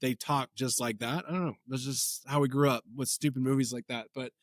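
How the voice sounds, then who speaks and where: A man in his forties, a podcast guest, chatting casually and telling rambling, animated stories. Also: medium pitch, fairly quick, dry recording, clean studio sound. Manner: rambling, animated storytelling with many filler words. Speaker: podcast guest, comedy content creator. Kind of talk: casual chat.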